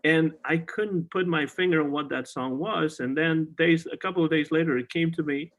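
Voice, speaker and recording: Over a video call, the middle-aged podcast host discusses old songs with relaxed enthusiasm, stumbling into fillers and restarts along the way. The pitch is fairly high, the tone fairly bright, and the pace moderate.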